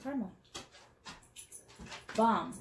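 Slow-talking woman in an echoey room. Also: on the high side, animated, slight background noise. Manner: nervous, lots of "oh no" and "oh God". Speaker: channel host. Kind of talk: casual snack-tasting chat.

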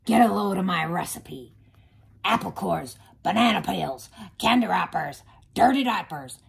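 Woman doing a loud, over-the-top garbage truck. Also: on the low side, lively intonation, measured pace, creaky, full character voice. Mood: proud. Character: loud, gruff, boastful, greedy garbage truck. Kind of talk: children's picture book read-aloud.

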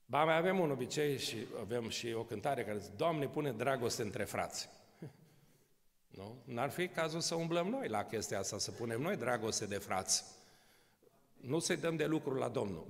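A man in his sixties, a pastor, speaks from the podium of a spacious church hall with a mid-range voice marked by vocal fry. His preaching is conversational, full of rhetorical questions and a bit of humor, and the podium microphone records long church reverb.

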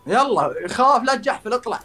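Man, live-stream host, rallying supporters, quick, faint background music. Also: extremely high pitch. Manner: animated, rallying supporters, naming donors. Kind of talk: live-stream battle banter.

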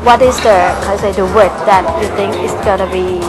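A woman's voice: mid-range voice, steady tone, fairly quick, poor audio. A woman in her thirties interviewing a chef in a restaurant, friendly and searching for her words in English. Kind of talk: interview questions. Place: restaurant dining room. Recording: music playing loudly behind.

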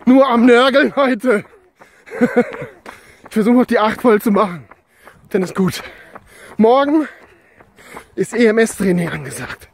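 A man in his forties talking casually to his phone while out running, out of breath, in short broken bursts. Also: high-pitched. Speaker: sports vlogger. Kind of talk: casual selfie vlog, complaining frankly. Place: outdoors on a country path by open fields. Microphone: phone at arm's length. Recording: outdoor ambient noise.

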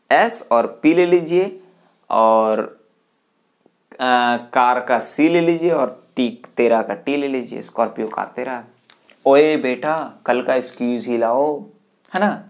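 A man teaching a biology class in a lecture style, repeating terms to drill them in and calling his students "beta". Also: medium pitch. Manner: repetitive, drills terms, calls students 'beta'; mixes English terms into speech.

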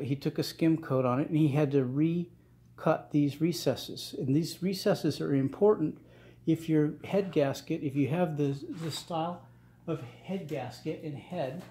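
A middle-aged man giving a casual workshop how-to, talking in a halting way with many fillers and restarts. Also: on the high side, dark tone, a little hiss or hum. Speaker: channel host restoring cars. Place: home garage workshop, indoors.

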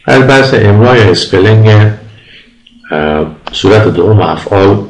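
A man with an Afghan Dari accent teaching English grammar as a lecturer, patiently repeating example words slowly for pronunciation. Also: lowish voice, lively intonation, echoey room, slight background noise, low-quality recording. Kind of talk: recorded lecture.

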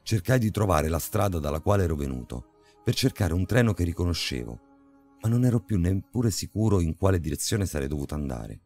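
A man narrating a scripted horror story in a dramatic, measured way. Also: low-pitched, big pitch swings, a little mellow. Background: faint music.

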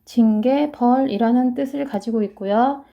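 A woman's voice: on the high side, normal speed, vocal fry, dark tone. Patient female teacher explaining pronunciation, muffled. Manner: patient, step-by-step instruction. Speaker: English teacher. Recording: muffled lo-fi sound.

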